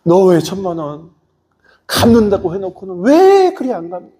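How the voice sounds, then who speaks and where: A man's voice: high-pitched, very animated, moderate pace, dark tone. A pastor in a sermon acts out an angry man who scolds a debtor with harsh questions. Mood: scolding. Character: angry man demanding repayment of a debt.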